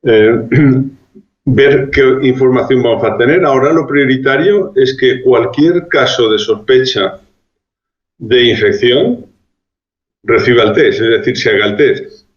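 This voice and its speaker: A man being interviewed as a public health expert, giving measured, reasoned answers with frequent restarts. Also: mid-range voice. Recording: roomy, dull lo-fi sound.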